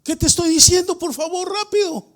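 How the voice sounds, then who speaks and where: A man preaching as pastor of a church, putting questions to the congregation and swinging between quiet explanation and shouted emphasis. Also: extremely high pitch, a little fast. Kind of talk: Spanish-language sermon. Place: church sanctuary.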